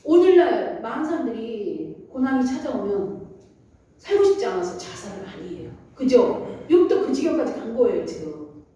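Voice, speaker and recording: A woman's voice: on the high side, very animated, moderate pace, mellow, a little hiss or hum. A woman pastor preaching a sermon in a church, speaking animatedly and acting out scripture quotes. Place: church sanctuary. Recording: very echoey hall, voice far from mic.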